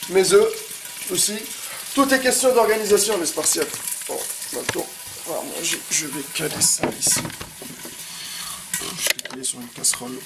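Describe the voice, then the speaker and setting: A man in his thirties with a Tunisian accent, chatting in a hyped-up, slangy way while cooking in his home kitchen, recorded by a propped camera a bit away. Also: on the high side. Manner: street slang, rambling, pumped motivational tone. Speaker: fitness vlogger. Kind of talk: casual hyped-up vlog chat. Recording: loud frying noise behind. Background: sizzling frying pan.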